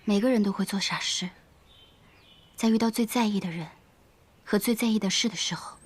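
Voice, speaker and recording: An actress playing a calm, soft-spoken noblewoman who relays news in a level voice. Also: medium pitch, a little fast, slight background noise, close to an everyday voice. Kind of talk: period drama acting.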